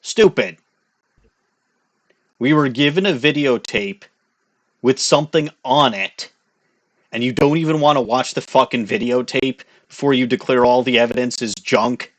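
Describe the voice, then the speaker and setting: A man's voice: mid-range voice, moderate pace. A man voicing a game let's play, thinking aloud, exasperated and profane. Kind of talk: game commentary. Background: game music.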